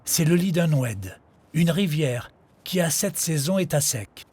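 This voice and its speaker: A man voicing a dromedary that tells its life story in measured nature documentary narration, scripted and in the first person. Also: on the high side, expressive, darkish tone, slightly rough. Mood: narrating. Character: male dromedary telling its own life in the desert.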